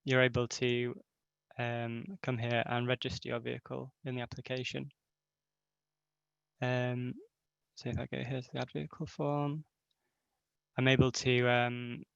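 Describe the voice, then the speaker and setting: Guy walking through a demo on a video call, a bit of fry, dry muffled call sound. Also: mid-range voice, no echo. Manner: relaxed, with many fillers. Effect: voice heard over a video call while sharing his screen. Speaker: hackathon team member giving a demo. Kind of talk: casual software demo.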